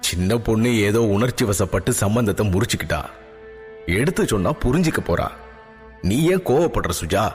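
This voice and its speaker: A man voicing a calm, patient father, a king who soothes his daughter, in an audio drama. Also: lightly acted. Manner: low, calm, measured. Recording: music bed, long reverb.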